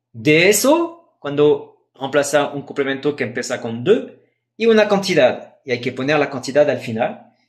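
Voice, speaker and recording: Slow, patient man teaching French. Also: a little high, echoey room. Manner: patient, repeats examples and checks in with "¿eh?"; drawn-out French example phrases. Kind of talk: live online grammar lesson.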